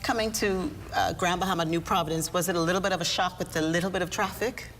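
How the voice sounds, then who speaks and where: A woman's voice: lowish voice, fairly even intonation, fast talker, fairly bright tone. A woman interviewer asking questions in a chatty, informal way. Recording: roomy hall echo, faint background noise.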